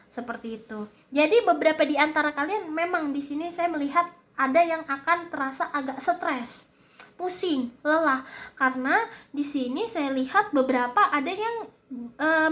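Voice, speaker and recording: A woman with a high voice and an Indonesian accent gives a casual spoken reading. She has a slight lisp that now and then blurs her r. She explains and advises hesitantly, often searching for the right word. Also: fairly bright tone. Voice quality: slight lisp, occasionally slurred r. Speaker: tarot-style reading host. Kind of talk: casual spoken monthly forecast with advice.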